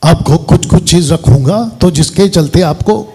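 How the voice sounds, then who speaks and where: Guy preaching a sermon in a church hall, bossy, fairly high voice. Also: measured pace, creaky, dark tone, slightly rough. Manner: directive, breaks off to give instructions. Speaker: pastor.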